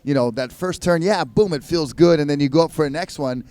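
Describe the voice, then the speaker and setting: A man's voice: fairly high pitch, fairly quick, darkish tone. A man giving live sports commentary as a contest announcer, in a laid-back, casual surfer manner.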